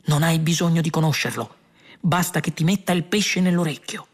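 A man's voice: on the high side, normal speed, husky, voice pushed up. A man voicing Ford, a cheerful, smug alien who talks in a breezy, teasing way in an audiobook. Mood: amused. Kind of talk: audiobook character voice.

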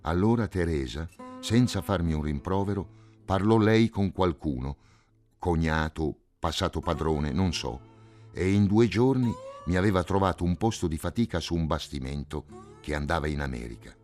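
A man reading a literary novel aloud in a measured way, letting phrase endings sink low and quiet. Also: lively intonation, soft background music.

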